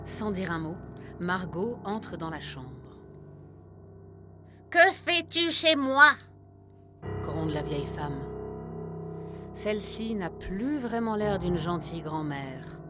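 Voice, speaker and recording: Woman storyteller, children's tale, slow and gentle, soft music behind. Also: sits low. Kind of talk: scripted children's story narration.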